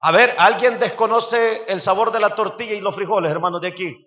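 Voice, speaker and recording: High-voiced Salvadoran pastor preaching fervently. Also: male voice, brisk, dull audio. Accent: Salvadoran Spanish. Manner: impassioned preaching, calls out to the congregation, acts out quoted voices. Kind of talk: sermon.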